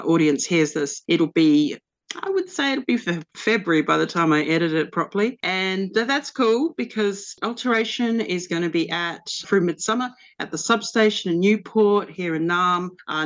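Woman doing a casual radio interview, lowish voice, kinda rambly, bit muffled sound. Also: a bit bright. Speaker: radio host. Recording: slightly dull, lo-fi sound.

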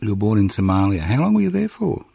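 A man's voice: lowish voice, big pitch swings, fast talker, gravelly, warm tone, husky, no echo. An older man, hosting a casual radio interview from a studio in a chatty, teasing way. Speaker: radio host.

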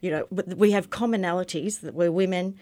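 A woman's voice: lowish voice, brisk, dark tone, dry recording. A woman over fifty, speaking candidly as a guest on a community radio talk show. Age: 50s. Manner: candid, conversational. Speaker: guest, peer educator. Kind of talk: casual radio interview.

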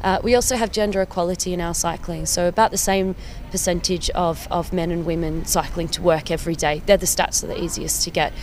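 A woman's voice: fairly low pitch, steady tone, fairly quick, darkish tone, slight background noise. A woman in her thirties from Perth with an Australian accent, telling her own story in a chatty, enthusiastic way with small laughs, outdoors on a city street. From Perth, Western Australia. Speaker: cycling campaign officer. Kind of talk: casual personal account to camera.

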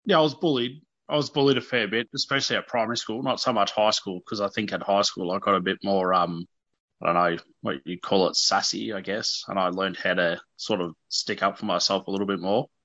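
An Australian man of about thirty speaks candidly as an interview guest, his voice lowish yet bright. He's informal and a little self-deprecating, pausing and hesitating as he thinks, with fairly even intonation and a brisk pace. The dry, slightly dull recording sounds like lo-fi radio.

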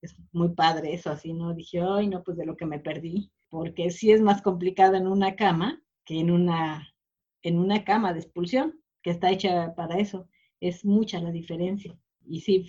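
Woman telling her birth story, emotional and rambling, kinda dull muffled audio. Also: medium pitch. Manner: warm, emotional, many fillers. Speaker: interviewee. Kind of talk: personal storytelling.

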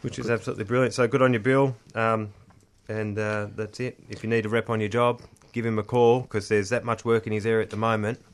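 A man's voice: lowish voice, level tone, quick pace, hardly any pauses. An Australian man chatting casually in a matey, colloquial tradesman's way, like a union rep on a podcast. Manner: blokey Aussie tradesman talk, matey and colloquial. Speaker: union representative, podcast host. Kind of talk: casual chat.

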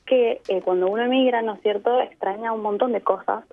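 Over a tinny phone line, an Argentine woman from Mendoza joins a radio interview as a guest, sharing her experience as an immigrant. Her voice is fairly high, steady, brisk, and creaky, with an Argentine Spanish accent. She reflects thoughtfully, explains her points, and often checks in with short tag questions.

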